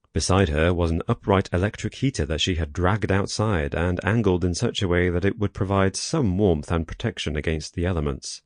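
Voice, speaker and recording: A man with a very deep voice reads a horror audiobook in the first person. His delivery is measured, with dry, wry touches. The close, dry recording has no room sound. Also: darkish tone, no room sound. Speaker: audiobook narrator. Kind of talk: scripted horror narration.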